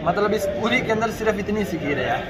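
A young man with a high voice, lively intonation and a quick pace reviews food casually as a vlogger, his Pakistani-accented speech laced with English. Behind him, a busy crowd chatters loudly in a big indoor restaurant.

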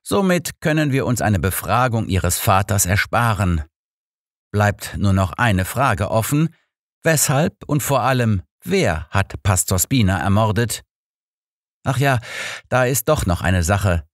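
A man voicing a calm, measured male detective asking questions in an audiobook. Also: fairly low pitch, dry recording, clean studio sound. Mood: probing.

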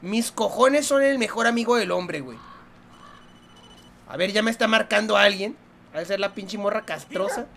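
A young man with a Mexican accent, commenting on a horror game in a joking, profane, excitable way. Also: high voice, moderate pace, pauses often, a little hiss or hum. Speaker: gaming youtuber.

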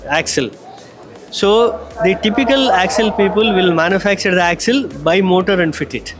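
Indian executive at a busy expo booth. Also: male voice, high-pitched. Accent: Indian English. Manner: confident, explains products by pointing to them. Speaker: company executive. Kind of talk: trade show interview. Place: busy exhibition hall booth. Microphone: handheld microphone.

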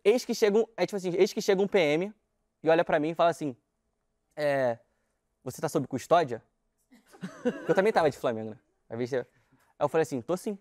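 A young man from Brazil, telling an anecdote as a talk-show guest, animated and slangy, often laughing as he talks. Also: a little high, racing, no echo, clean studio sound. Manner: animated slangy storytelling, laughing while talking. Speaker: guest storyteller.

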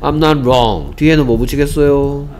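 Male English teacher, patient explainer, drills example sentences slowly and checks understanding often. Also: a little high, a little mellow, soft background music. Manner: asks rhetorical check questions, repeats example sentences slowly. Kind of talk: grammar lesson.

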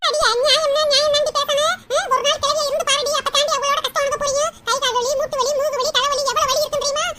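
A woman voicing a quick-tempered old village grandmother in a cartoon, scolding and hurling insults. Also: very high-pitched, flat delivery, noisy background. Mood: lecturing. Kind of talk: cartoon voice acting.

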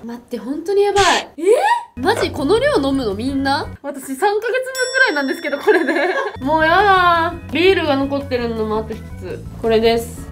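A twenty-year-old woman chatting casually to camera as a vlog host, in a youthful, expressive, exclamatory and slangy way. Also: high voice, quick pace, hardly any pauses. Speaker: video host. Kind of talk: casual vlog chat to camera while taste-testing. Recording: background music behind the voice. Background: music.

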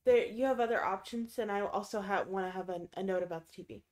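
A woman's voice: mid-range voice, fast talker, a little mellow. A woman co-hosting casual game commentary, correcting and explaining tips in detail. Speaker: co-host giving game tips.

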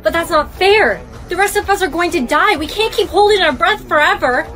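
A woman's voice: very high-pitched, expressive, brisk, a bit bright. A woman acting out a comedy skit with an earnest, pleading delivery.

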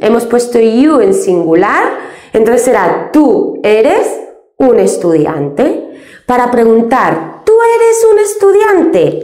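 A woman teaching an English grammar lesson step by step, patient and explaining things slowly with many diminutives. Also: fairly high pitch, darkish tone, echoey room.

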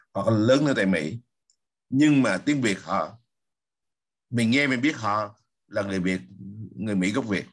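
A man's voice: medium pitch, fairly bright tone. A man hosting a casual political talk, emphatic and asking himself questions he then answers. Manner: emphatic, asks and answers his own questions.

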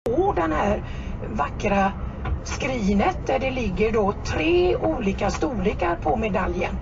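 A woman's voice: fairly high pitch, animated, gravelly. A woman chatting in a radio interview in a pleased, chatty way, heard from a radio in a truck cab. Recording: muffled cab radio with road noise.

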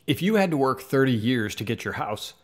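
Very animated and brisk, a man with a medium-pitched voice hosts a magic channel from a small home studio; he's in his thirties, from the American South, with a Midwestern accent. He speaks earnestly and conversationally to camera, hands gesturing. A boom-mounted studio mic is in front of him.

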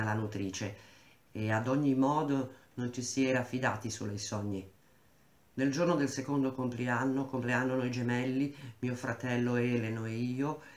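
A man reading a novel aloud in a measured, unhurried way. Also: mid-range voice, reverberant. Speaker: reader.

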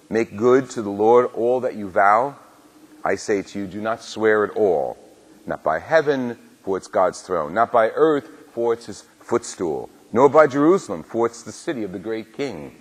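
A male priest proclaiming the Gospel at Mass in a measured, solemn way, his voice ringing with a long cathedral-like church echo. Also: lowish voice, husky. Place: large church.

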